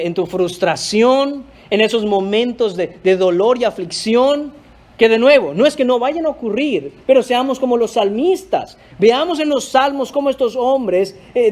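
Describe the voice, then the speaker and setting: A man's voice: high-pitched, darkish tone. A male pastor preaching a sermon, emphatic, often calling out to the congregation. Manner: emphatic, repeatedly addressing the congregation.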